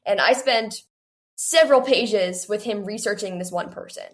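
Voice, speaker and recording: In a relaxed interview about writing, an eighteen-year-old woman appears as the guest author, speaking at a normal speed in a mid-range voice. Her talk rambles, peppered with "like" and snippets of quoted self-talk.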